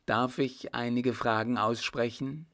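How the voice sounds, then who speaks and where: A man's voice: medium pitch, steady tone, unhurried, a bit bright. A man reading the lines of a curt, commanding, sarcastic emperor in an audiobook. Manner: clipped, imperious.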